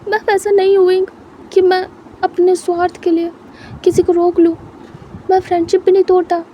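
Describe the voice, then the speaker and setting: Storybook role: soft, consoling young man, voiced by a woman; high pitch, little swing. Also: flat delivery, a little slow, a little hiss or hum. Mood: apologetic. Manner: soft, apologetic, stammering.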